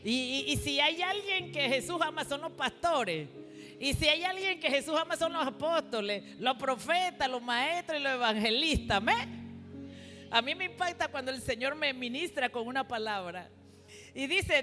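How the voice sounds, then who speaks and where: A woman's voice: high voice, animated, normal speed, sharp tone. A woman preacher giving a call-and-response sermon, leading the congregation to repeat her phrases. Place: church hall. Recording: reverberant hall with faint music.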